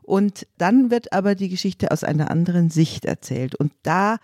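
An older woman co-hosting a podcast, explaining and interpreting a story in calm conversation. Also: lowish voice, normal speed, no room sound, studio quality. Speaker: podcast co-host. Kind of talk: conversational commentary.

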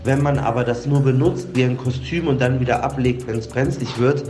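A man who is a guest podcaster, giving thoughtful, measured comments in an interview. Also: medium pitch, a little mellow, faint music behind.

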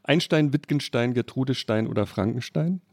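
A man hosting a podcast, firing quick either-or questions at a guest in a playful, brisk way. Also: medium pitch, darkish tone, no echo, clean studio sound. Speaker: podcast host.

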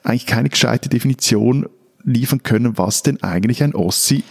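A man's voice: mid-range voice, fairly quick, vocal fry, slightly rough. A man from Switzerland, co-hosting a casual debate podcast and wryly steering the discussion. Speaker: podcast co-host.

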